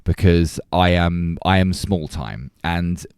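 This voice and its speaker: A man's voice: deep voice, slow, a little mellow, clear, resonant tone, no echo, studio quality. A man co-hosting a podcast, arguing his point in earnest with frequent restarts. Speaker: podcast co-host. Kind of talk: casual debate chat.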